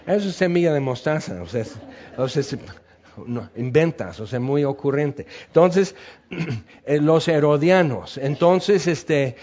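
A man's voice: a little high, animated, a little slow, a little mellow, lo-fi sound. A man preaching a sermon as pastor, talking in a loose conversational way with many fillers.

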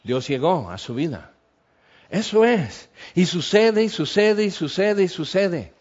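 A man preaching a sermon, telling stories with sound effects and sometimes dropping to a hush. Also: sits high, a little slow, dull audio. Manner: animated storytelling with sound effects, dropping to hushed tones. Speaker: pastor.

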